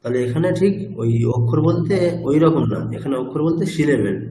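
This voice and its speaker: A man's voice: a little high, lively intonation, fairly quick, warm tone. A man teaching an online chanting class, patiently explaining syllables and asking the students questions. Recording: roomy echo, faint room noise.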